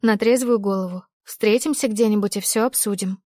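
A woman's voice: medium pitch, moderate pace, no echo, studio quality, natural voice. Woman voicing a frightened pleading young woman. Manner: trembling, trying to stay calm. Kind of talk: audiobook character reading.

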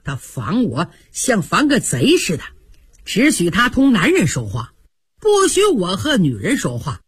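A woman voicing a vain, petulant young nobleman who blusters and whines, with a husky voice. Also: mid-range voice, wildly swooping pitch, normal speed, no echo, clean studio sound, full character voice. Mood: blustering. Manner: blustering, whiny, boastful.

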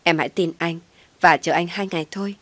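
A woman's voice: fairly low pitch, steady tone, brisk, fairly bright tone, no room sound. A woman voicing a devoted young man who coaxes and pleads in an audio story. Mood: coaxing pleading. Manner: coaxing, pleading.

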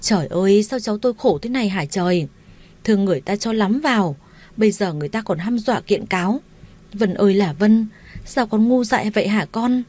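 A woman's voice: medium pitch, expressive, fairly quick, a little mellow, close to an everyday voice. Woman reading as a nagging, quarrelsome stepmother. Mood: wailing. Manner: nagging, wailing. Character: shrill meddling stepmother, middle-aged, quarrelsome.

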